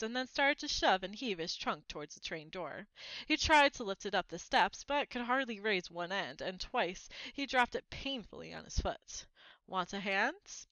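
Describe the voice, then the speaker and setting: A woman reads a children's book aloud with expression, her bright, forward voice at a middling pitch. The recording is close and dry with no room sound, and the audio is somewhat dull.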